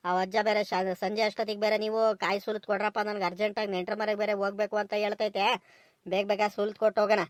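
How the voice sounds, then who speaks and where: A woman's voice: medium pitch, flat delivery, dry recording, close to an everyday voice. A woman voicing an impatient male farm foreman in a comedy cartoon, scolding in a rural southern Karnataka Kannada accent. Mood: insistent. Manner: brisk, scolding and bossy. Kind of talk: village comedy cartoon dialogue.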